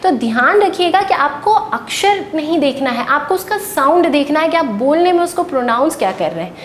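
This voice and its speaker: A woman's voice: very animated, fairly quick. A woman teacher, giving a patient classroom lecture and answering her own questions. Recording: echoey room with faint rumble.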